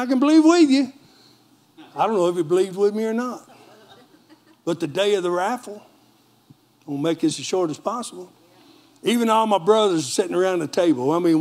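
A man preaching a lively sermon in a church with a Texan accent, calling for amens from the congregation. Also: on the high side. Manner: animated preaching with call-and-response. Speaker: pastor.

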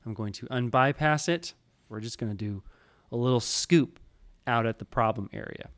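In a screen-recorded tutorial, an audio engineer in his thirties explains studio settings at a normal pace, relaxed and conversational. His average-pitched male voice is captured cleanly by a close studio mic, visible in frame, in a small home studio, and he wears headphones.

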